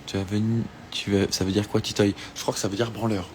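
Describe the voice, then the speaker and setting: A singer doing an Instagram live from an outdoor or open space in Tahiti talks fast in a lowish, level voice, with slight background noise. He reads and answers fan questions casually on his phone, chatty and laid-back, with plenty of fillers and restarts.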